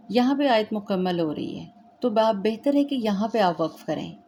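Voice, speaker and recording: In this slow tajweed lesson, a woman with a warm, medium-pitched voice walks students through the rules of Quran recitation, chanting examples and making sure they follow. There's slight background noise.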